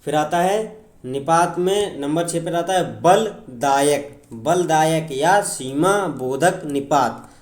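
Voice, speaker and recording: A man's voice: fairly high pitch, takes it slowly, reverberant. A man teaching an exam-prep grammar lecture, explaining with examples, repeating points and often checking in with his students.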